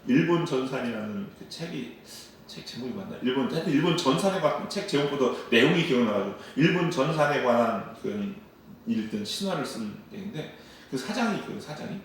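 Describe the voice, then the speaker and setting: Animated male pastor in an echoing church. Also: mid-range voice, brisk, far from the mic, a little hiss or hum. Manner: lively preaching that acts out quoted dialogue and questions the congregation. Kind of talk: sermon. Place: church sanctuary at a dawn service. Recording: echoey church sound from away from the mic.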